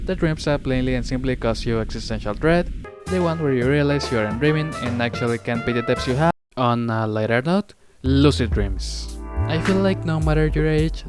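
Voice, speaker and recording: A young man narrating a scripted personal monologue with wry, dry asides. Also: medium pitch. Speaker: video narrator. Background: background music.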